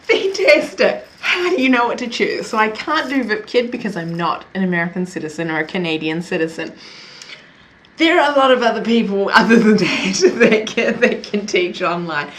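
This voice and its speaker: A young Kiwi woman from New Zealand with a medium-pitched, animated voice at a moderate pace. She vlogs casually to camera, chatty and laughing often, tossing in self-deprecating asides.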